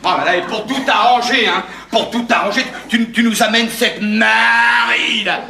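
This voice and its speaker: An actor playing a flustered, cowardly brother in a live stage farce, stammering and whining in a panic. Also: male voice, high-pitched, fairly quick, bright, forceful tone, slight background noise. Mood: whiny. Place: theater stage with live audience. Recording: roomy theater.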